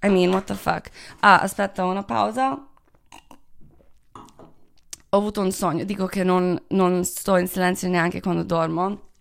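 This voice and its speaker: A woman's voice: on the low side, steady tone, measured pace, vocal fry, pauses often, noisy background. A woman telling candid personal stories in a casual, profane monologue, often slipping phrases into her Italian. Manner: frank, profane, mixes English into Italian. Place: Los Angeles.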